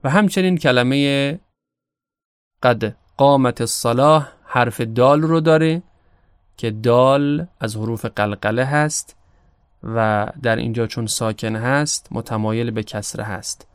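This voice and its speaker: A Persian-speaking man teaching Arabic pronunciation for recitation, calm and measured, slowing down on the Arabic examples. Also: medium pitch, clean tone, no room sound, studio quality. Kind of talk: explanatory lesson.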